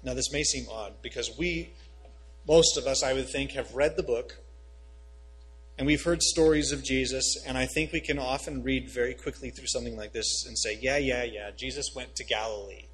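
A man, a pastor reading scripture and preaching a sermon, rising in pitch and volume on key phrases. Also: moderate pace, a little hiss or hum, poor audio.

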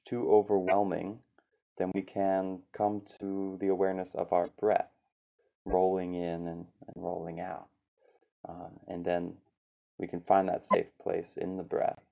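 Low, gravelly, calm male meditation guide. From USA. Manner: slow, gentle, with fillers. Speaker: meditation teacher.

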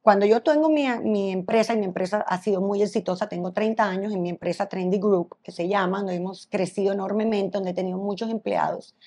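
Fast-talking middle-aged woman stylist. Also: mid-range voice. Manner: animated storyteller, fast and emphatic. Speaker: interview guest, celebrity stylist. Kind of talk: casual interview chat.

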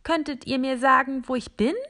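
A woman voicing a tiny curious robot vehicle with a very high, hesitant voice full of ums. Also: steady tone, normal speed, bright, forceful tone. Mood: bewildered. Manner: hesitant, bewildered, with many ums.

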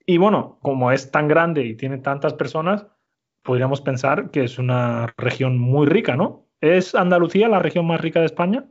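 A man's voice: a little high, moderate pace, dull audio. A man teaching a Spanish lesson, explaining step by step and often checking in with his listeners. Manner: explanatory, frequent "¿vale?" checks. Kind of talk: language lesson.

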